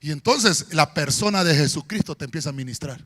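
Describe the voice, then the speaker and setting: A pastor preaching a sermon in a church, swinging between shouts and quiet murmurs. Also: male voice, fairly high pitch, lively intonation, fairly quick. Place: church sanctuary. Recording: long church hall reverb.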